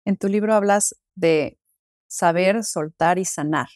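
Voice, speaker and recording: A woman's voice: fairly low pitch, measured pace, a little mellow, no room sound, studio quality. A woman hosting a podcast, asking guests curious, open questions. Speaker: podcast host. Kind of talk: interview questions.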